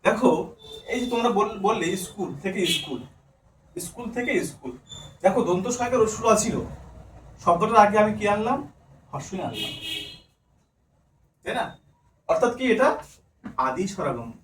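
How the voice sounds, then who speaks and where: A man's voice: sits high, very animated, normal speed, long pauses. Man, Bengali accent, demo classroom lesson, self-answered questions, distant mic, faint background noise. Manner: asks questions and answers them himself. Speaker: teacher candidate giving a demo lesson. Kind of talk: classroom teaching demonstration. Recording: echoey room, far mic, faint noise.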